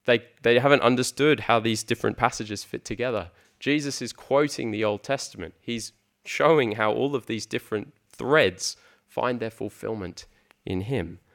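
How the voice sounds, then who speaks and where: Male preacher, lowish voice, earnest and emphatic sermon delivery. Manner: earnest, emphatic, with frequent ums and repeated words.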